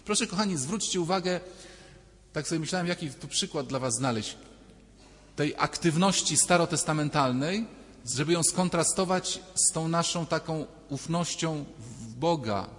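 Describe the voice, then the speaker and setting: A man's voice: a little high, normal speed, a bit bright. A man giving a conversational sermon and acting out quoted voices, recorded in a church. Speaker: priest. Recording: reverberant church hall.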